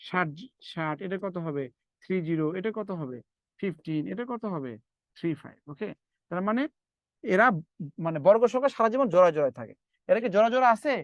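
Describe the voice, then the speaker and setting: A man's voice: high-pitched, animated, brisk, pauses often, no echo, highs cut off. A man teaching math in a live online lecture, repeating steps and quizzing his students as he works through sums.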